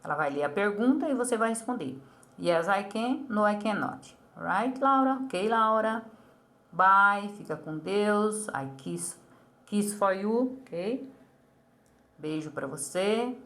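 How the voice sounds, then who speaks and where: A woman with a Brazilian accent, explaining an English lesson to a child and saying English model phrases slowly and carefully. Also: medium pitch, lively intonation, fairly bright tone. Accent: Brazilian Portuguese. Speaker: English teacher.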